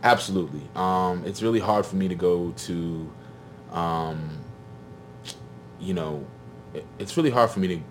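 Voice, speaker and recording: Thirties male musician, very low voice, easygoing rambling chat, faint rumble in the background. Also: moderate pace, long pauses. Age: 30s. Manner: relaxed, rambling, laughs often, heavy fillers and slang. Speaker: musician guest. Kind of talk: casual conversation.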